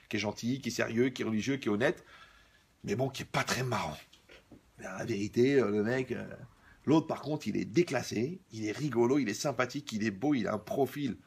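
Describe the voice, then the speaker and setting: A man delivers a humorous sermon as a religious teacher. His voice is gravelly and husky, and his delivery is wry and teasing, full of stories and asides to the audience. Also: mid-range voice, brisk.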